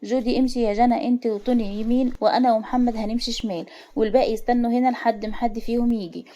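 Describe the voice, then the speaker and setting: A woman's voice: fairly high pitch, fairly even intonation, very fast, mellow, highs cut off, close to an everyday voice. A woman with an Egyptian accent voicing a bossy, worried young woman giving orders. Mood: commanding. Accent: Egyptian Arabic.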